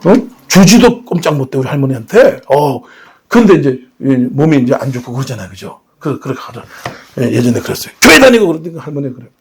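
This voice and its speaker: A middle-aged male pastor preaching a sermon in a church, telling family stories with shouting bursts and acted voices. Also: mid-range voice, a little fast, breathy edge. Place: church sanctuary.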